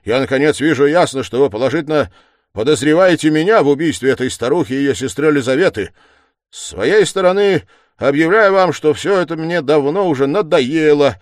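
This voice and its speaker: In an audiobook reading, a man voices a furious, shaken young student, shouting in clipped bursts, animated and fairly quick. He pitches a little high, above his own natural voice yet close to everyday speech, in clean studio sound with no room sound.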